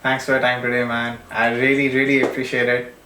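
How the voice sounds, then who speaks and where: A man's voice: medium pitch, flat delivery, fairly quick, sharp tone, a little hiss or hum. A man from India with an Indian accent, hosting a podcast interview in a friendly way and repeating his thanks. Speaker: podcast host. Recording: echoey room.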